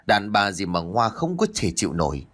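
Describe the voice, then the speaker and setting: A man's voice: on the low side, big pitch swings, normal speed, fairly bright tone. A man voicing a grumbling older male village neighbor who mutters his complaints.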